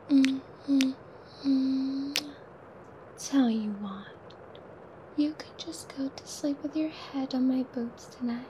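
A woman whispers close and soft in an intimate ASMR roleplay. Her voice sits high but mellow and warm, and she draws every phrase out very slowly, breathy and unhurried. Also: slight background noise, rough recording. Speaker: audio roleplay performer.

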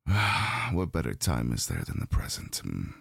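A man's voice: extremely low pitch, huge pitch swings, moderate pace, creaky, a bit bright, slightly rough, dry recording, clean studio sound, exaggerated voice. A man voicing a domineering, lustful male dragon in an adult audio roleplay, speaking in a commanding, gloating manner.

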